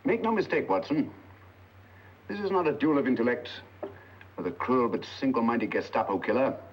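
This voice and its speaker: Actor playing a brisk, commanding detective, mid pitch, crisp; muffled old film sound. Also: male voice, expressive, slight background noise, natural voice. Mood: urgent. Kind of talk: 1940s film acting. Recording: dull 1940s film soundtrack.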